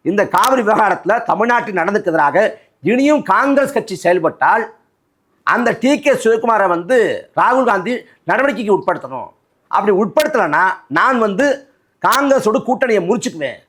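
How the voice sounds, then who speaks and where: Forceful party spokesman, lively pitch. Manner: forceful, rhetorical, repeats phrases for emphasis. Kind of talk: political interview.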